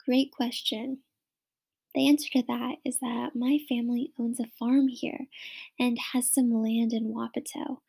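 A woman's voice: a little high, gravelly, warm tone, husky. A young woman from Washington State hosting a solo podcast in a chatty, upbeat way, with frequent whispery asides. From Washington State, USA. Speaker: podcast host.

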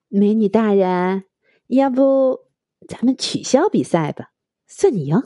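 A woman's voice: medium pitch, huge pitch swings, unhurried, vocal fry, mellow, husky, no echo, studio quality, exaggerated voice. A woman voicing a cheeky young man who drives a battered car, whining and wheedling in a storybook tale.

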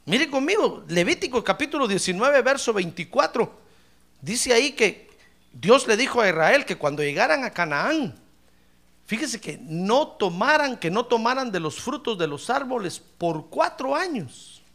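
A man preaching a sermon to his congregation, addressing them directly and breaking into loud shouted praise. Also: extremely high pitch, big pitch swings, a little slow.

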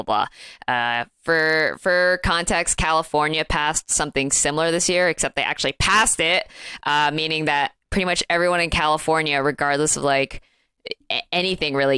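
A woman's voice: deep voice, bright, forceful tone, clear, resonant tone, no echo. A woman co-hosting a casual podcast chat, wry and offhand, often laughing between points. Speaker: podcast co-host.

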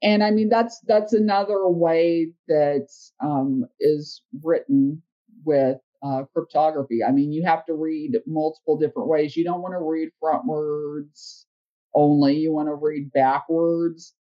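A woman's voice: low voice, steady tone, a little slow, dull audio. A woman co-host on a podcast, thinking aloud and picking apart a text with many fillers. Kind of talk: casual podcast discussion.

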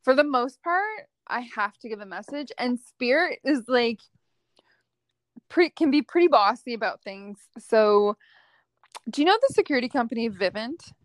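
A young woman speaks as a guest on a talk show, telling stories in a casual way. She brings them to life by acting out the voices of the people in them. Her voice sits fairly high, and the sound is dry and close. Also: moderate pace, no room sound. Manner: lively, acts out quoted dialogue. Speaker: psychic medium guest. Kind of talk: casual storytelling chat.

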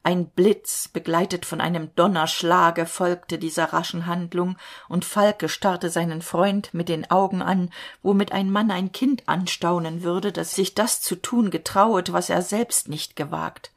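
A woman narrating a fairy tale in a measured, solemn storytelling manner. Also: lowish voice, fairly even intonation.

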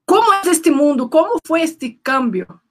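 A woman host with a Mexican accent chatting casually with a guest, bubbly and quick to laugh. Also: high-pitched, lively intonation. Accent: Mexican Spanish. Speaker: show host. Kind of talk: casual interview chat.

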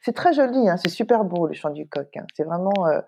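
A middle-aged woman, a guest entrepreneur, telling an anecdote in a lively, animated way with plenty of fillers. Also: lowish voice, fairly quick, creaky, a little hiss or hum. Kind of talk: casual storytelling in an interview.

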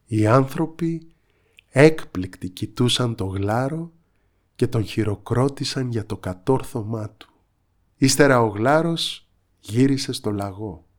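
A man's voice: medium pitch, animated. Man narrating a children's story. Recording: narration over soft instrumental music.

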